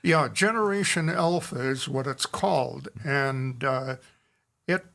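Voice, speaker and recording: Gravelly man, wry podcast co-host. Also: mid-range voice, slow, a bit bright. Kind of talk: casual podcast chat.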